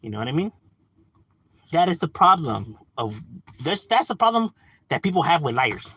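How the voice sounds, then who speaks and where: A man with a slightly high, husky voice speaks at normal speed with no echo. Hosting a livestream, he argues casually and animatedly, calls the chat "bro," laughs between points, and often says "you know."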